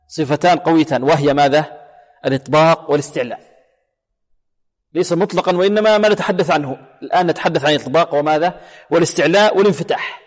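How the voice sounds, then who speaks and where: A man with a fairly high voice teaching Quran recitation in a lesson. He asks questions and answers them himself, and he drills single sounds over and over. His voice carries a long, ringing reverb. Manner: slow careful chanting of Quranic verses between explanations. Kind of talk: tajweed lesson on a radio program.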